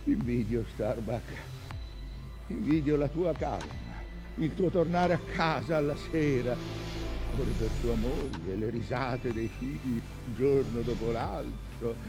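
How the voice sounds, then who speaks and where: An older actor playing a weary, obsessed old whaling captain, brooding and defiant, in a declamatory theatrical stage monologue. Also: male voice, mid-range voice, animated, slow pace, vocal fry, music in the background. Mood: wistful envy. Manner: declamatory, anguished, swinging from murmurs to cries.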